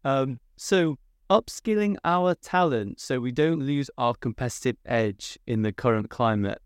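A man hosts a podcast in an easygoing, friendly way. His voice is smooth and clear, with a dry, close sound. He keeps a middle pitch, and his talk is loose and full of fillers. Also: unhurried, no room sound. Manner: relaxed, filler-heavy, friendly. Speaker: podcast host, co-founder. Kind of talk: casual interview chat.

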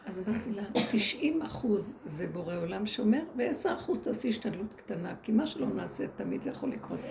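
Woman rebbetzin addressing women, lively storyteller with a gravelly edge; noisy live capture. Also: mid-range voice. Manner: animated, acts out quoted people. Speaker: rebbetzin teaching a women's group. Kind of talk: storytelling talk to an audience. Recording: noisy room recording.

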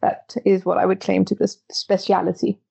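A woman's voice: medium pitch, completely flat delivery, brisk, gravelly, mellow, slightly rough. A woman in her twenties from Belgium, a podcast guest who talks chattily and often breaks off to restart her thoughts. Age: 20s. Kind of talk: interview conversation.

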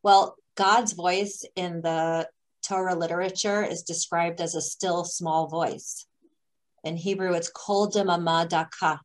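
A woman interviewing, asking questions and reflecting in a measured, thoughtful way. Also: on the low side, fairly even intonation, poor audio.

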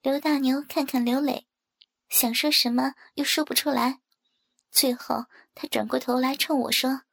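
A woman narrating a first-person story in a soft, even reading manner. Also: high voice, moderate pace, vocal fry. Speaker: audiobook narrator.

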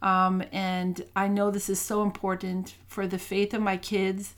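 A woman's voice: mid-range voice, completely flat delivery, measured pace. Earnest woman telling a faith story. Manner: earnest, storytelling, many restarts. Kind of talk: casual faith talk with personal story.

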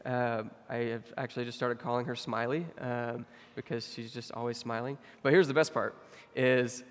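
Young male pastor, loose and conversational preaching, middle-pitched voice, hall reverb. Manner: conversational, many fillers, animated when telling stories. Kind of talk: sermon.

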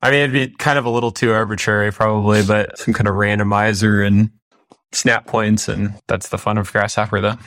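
A man co-hosting a podcast, chatting casually in an upbeat, informal, halting way. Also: fairly low pitch, flat delivery, fairly bright tone, no room sound. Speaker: podcast host. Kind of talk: casual chat.

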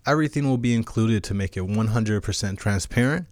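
A man with a fairly low voice presents an explanatory solo show in a crypto bro manner, pitching with slangy hype. The sound is very dry and close, with no room around it. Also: fairly quick, darkish tone, dry recording. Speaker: host of a weekly crypto show. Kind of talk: explanatory monologue on crypto business.

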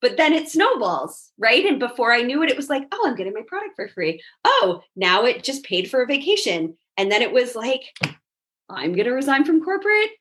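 A woman coach talking casually in an interview, animated, acting out quotes with big jumps in her voice and leaning on "like" and "right?". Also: fairly quick. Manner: animated, acts out quotes in a jumping high voice, frequent "like" and "right?". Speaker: life coach and network marketer.

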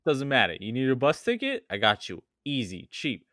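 A man voicing a pushy male ticket scalper with a Long Island accent and fast hustling sales patter. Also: mid-range voice, huge pitch swings, fairly bright tone, no room sound, clean studio sound, pitched above the performer's own voice.

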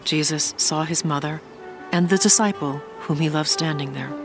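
A woman narrating a radio drama in a solemn, measured way. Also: low voice. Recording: music underneath.

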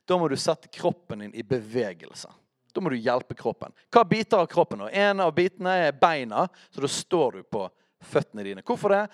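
A man giving a conversational teaching sermon, with a high voice that swings widely in pitch. He talks directly to his listeners and keeps checking in with them through short questions. The sound is close and dry, with no room around it. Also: no room sound. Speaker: preacher teaching on worship.

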